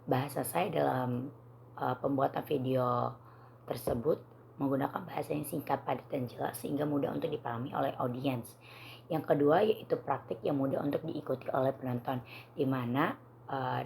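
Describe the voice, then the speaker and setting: A young woman with a hoarse voice, giving a formal, careful prepared student presentation. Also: very deep voice, a little mellow, slight background noise. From Indonesia. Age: young adult.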